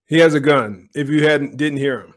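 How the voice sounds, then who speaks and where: A man's voice: on the high side, fairly even intonation, moderate pace. A man giving opinionated commentary on a police video, speaking bluntly and directly to his viewers.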